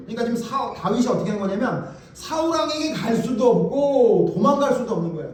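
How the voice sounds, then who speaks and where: A man preaching from the pulpit, retelling scripture with casual, animated dialogue. His voice sits high and carries through a very reverberant sanctuary. The mic is some way off, with faint noise behind him. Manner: lively storytelling, acting out biblical dialogue casually. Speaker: pastor. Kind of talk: sermon. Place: church sanctuary. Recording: echoey church hall, mic at a distance.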